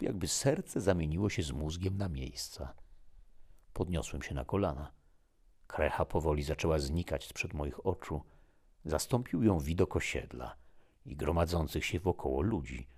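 A man narrates a first-person story in a measured, subdued manner. His voice is extremely deep, with a husky, breathy grain. He keeps a steady storytelling delivery.

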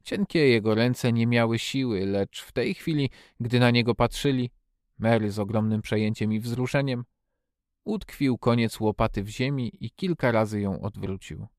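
A man narrating a storybook in a steady, measured reading voice. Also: medium pitch, dry recording, clean studio sound. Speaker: audiobook narrator.

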